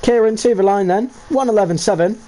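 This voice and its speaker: A man giving live commentary on a sim racing league race, excitable and jokey, with rambling asides between the action. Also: high voice, a little fast.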